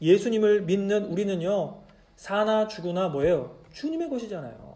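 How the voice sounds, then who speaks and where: A man's voice: very high voice, dark tone. A male pastor preaching a midweek church sermon, asking the congregation many rhetorical questions. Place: church service.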